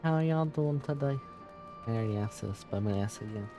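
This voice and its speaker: A man's voice: on the low side, fast talker. A man streaming a game, chatting casually and greeting viewers by name. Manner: friendly, greets chat by name. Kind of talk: casual chat while gaming. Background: lofi music.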